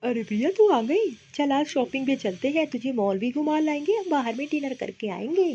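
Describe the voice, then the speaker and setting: A woman voicing a calm, reasonable young husband in a cartoon, speaking in a reasoning way. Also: sits high, normal speed, muffled recording. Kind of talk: cartoon voice acting.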